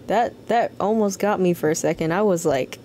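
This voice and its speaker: Female horror game streamer, scared and nervous, mellow delivery, slightly noisy background. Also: on the low side, normal speed. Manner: scared, nervous asides to chat. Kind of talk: live horror game playthrough, reading dialogue aloud.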